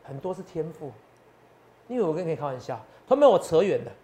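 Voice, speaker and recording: Fast-talking, boastful market analyst. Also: male voice, on the high side, sing-song, warm tone. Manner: boastful, peppered with rhetorical questions. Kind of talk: finance talk show commentary.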